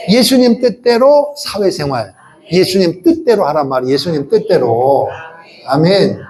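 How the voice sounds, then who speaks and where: A middle-aged male pastor preaching a sermon, animated, asking the congregation questions and leading them in repeating phrases. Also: sits high. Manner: animated preaching with rhetorical questions and call-and-response.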